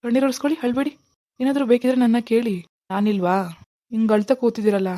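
A woman voicing a gentle, coaxing young husband. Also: on the high side, quick pace, natural voice. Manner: coaxing, reassuring.

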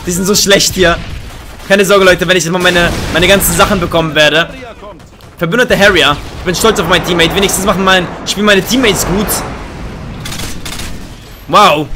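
A young man doing excitable, joking let's play commentary on a headset mic, with bursts of high laughter. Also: normal speed, pauses often, music in the background. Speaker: gaming YouTuber. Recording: faint game gunfire behind.

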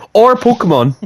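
A man's voice: high-pitched, slight background noise. A man, laughing and exclaiming while playing a football game online with friends. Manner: giggly, exclamatory banter. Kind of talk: casual chat while gaming.

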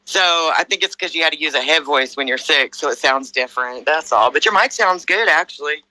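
A man's voice: fairly high pitch, animated, brisk, pushed and bright, no room sound, low-quality recording. A man in casual chat, reassuring and easygoing.

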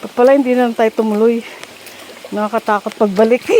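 A woman's voice: fairly high pitch, level tone, fast talker, a little mellow, slight background noise. A woman narrating a casual hiking vlog, out of breath, chatty and full of exclamations, mixing English into her talk. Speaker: vlogger. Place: outdoors on a forest trail by a waterfall.

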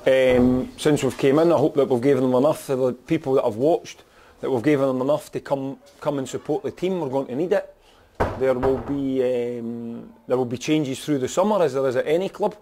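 A man's voice: medium pitch, moderate pace, dark tone. A man with a Scottish accent, a football manager talking frankly after a match and often saying "you know". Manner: frank, plain-spoken, peppered with "you know". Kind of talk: post-match interview.

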